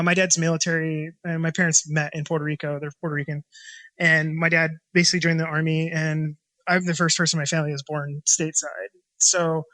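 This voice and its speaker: In relaxed interview talk, a Washington State restaurant owner and chef describes his place loosely, relying on fillers and restarts and rarely completing an idea neatly. He has a slightly high, bright voice, captured in a close, dry recording with hardly any room echo.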